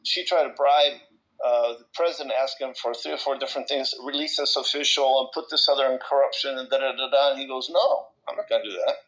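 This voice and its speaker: A man from El Salvador rambles off the cuff about personal matters in a casual group discussion, halting, repeating words, and breaking off mid-thought. His mid-range voice is bright and forceful, heard through slightly dull, lo-fi audio.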